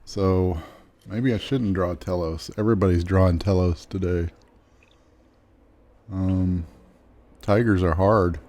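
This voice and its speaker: A man with a low voice talks very slowly, rambling a little as he chats. He co-hosts a casual podcast and talks while he draws. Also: fairly even intonation, darkish tone. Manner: slow, rambling, self-deprecating. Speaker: podcast co-host and artist. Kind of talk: casual chat while drawing.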